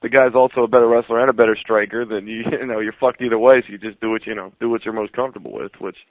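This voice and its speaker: A man's voice: on the low side, fairly even intonation, no room sound. A man co-hosting a casual wrestling talk radio show, blunt and profane in his opinions. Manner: blunt, profane, fast-talking. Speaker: radio co-host. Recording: tinny phone-line sound.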